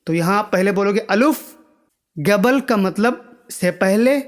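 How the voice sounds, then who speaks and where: High-voiced patient male language teacher. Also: long reverb tail. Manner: patient, repeats each word slowly with frequent comprehension checks. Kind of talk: spoken language lesson.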